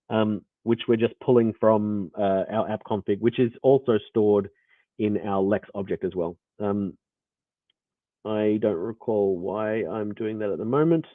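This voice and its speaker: A man with a fairly low voice and an Australian accent presents code in a live walkthrough that rambles, full of fillers and restarts. There's no room sound, though the audio is tinny like a phone line.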